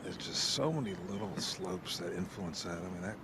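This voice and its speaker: A man's voice: low voice, expressive, normal speed. A man doing live golf commentary, explaining and analysing as he goes. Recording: clear outdoor background noise.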